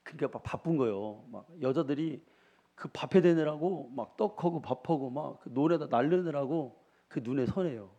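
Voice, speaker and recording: A middle-aged pastor with a lilt delivers a sermon in a slightly high voice. He tells homely stories and keeps turning to the congregation with questions. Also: moderate pace, warm tone, muffled recording. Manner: folksy storytelling, asks the congregation questions.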